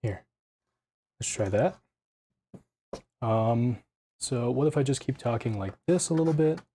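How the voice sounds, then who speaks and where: Mellow-voiced young man streaming a PC build. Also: medium pitch, lively intonation, measured pace, a little hiss or hum. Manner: scattered and self-deprecating, thinking aloud. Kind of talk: casual live-stream talk. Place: home desk setup. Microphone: desk mic with live compressor tweaks.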